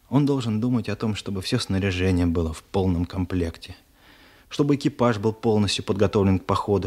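An actor playing a seasoned, thoughtful Soviet torpedo-boat officer who explains things in a plain, instructive way in a war drama. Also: male voice, lowish voice, a little mellow, close to an everyday voice. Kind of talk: Russian war drama dialogue.

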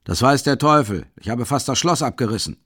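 A man's voice: mid-range voice, animated, fairly quick, a bit bright, no room sound, studio quality, voice pushed up. A man voicing an impatient, exasperated visitor who grumbles and curses in an audiobook. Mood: annoyed.

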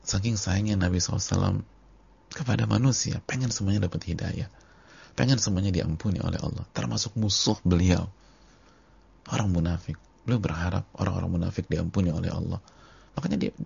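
Deep gravelly male preacher. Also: a little mellow, dull audio. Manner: repetitive emphasis, addresses the congregation. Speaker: Islamic preacher. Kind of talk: sermon on a hadith book.

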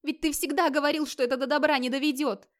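A woman's voice: high voice, steady tone, fast talker, pitched above the performer's own voice, natural voice. Woman voicing a sobbing, frantic wife. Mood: desperate pleading. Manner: pleading, sobbing. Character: desperate wailing wife, middle-aged woman.

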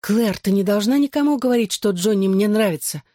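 A woman's voice: on the low side, moderate pace, darkish tone, dry recording, clean studio sound, lightly acted. A woman voicing a shy, embarrassed teenage girl in an audiobook, speaking hesitantly. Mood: sheepish. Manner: hesitant, sheepish.

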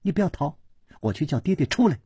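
A man's voice: fairly high pitch, sing-song, fast talker, warm tone, husky, no echo, clean studio sound, exaggerated voice. A male storyteller voicing a spoiled, hysterical young swordswoman who shrieks, scolds and wails at the men around her. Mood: shrill scolding. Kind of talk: traditional storytelling.

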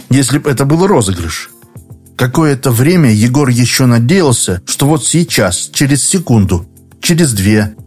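Expressive male narrator, lively intonation, faint music bed. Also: medium pitch, breathy edge. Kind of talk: audiobook narration.

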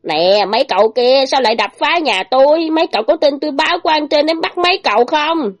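A woman's voice: a little high, animated, normal speed, soft background music, close to an everyday voice. A woman doing a worried old village teacher. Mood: distressed. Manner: pleading, anxious, sometimes indignant.

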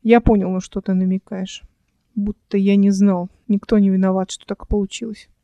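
An audiobook reader voicing a restrained, weary man inspector who mutters low. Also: level tone, normal speed, dark tone, no echo, highs cut off, natural voice.

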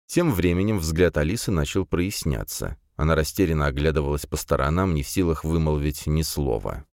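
A man reading a first-person fantasy audiobook in an even, measured way. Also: a bass voice, no echo, studio quality. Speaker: audiobook narrator.

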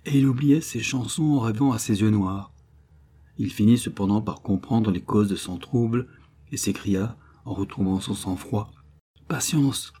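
Husky low-voiced male narrator. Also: mellow. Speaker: audiobook narrator. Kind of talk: scripted narration.

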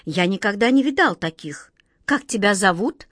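A woman's voice: mid-range voice, animated, normal speed, a bit bright, no room sound, clean studio sound. A woman voicing a tired, guileless little page boy in a storybook, chatty and wistful. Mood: surprised.

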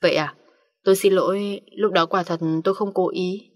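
A woman's voice: medium pitch, steady tone, moderate pace, lightly acted. A woman voicing a reserved young man who speaks formally and apologizes in an audiobook story. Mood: polite.

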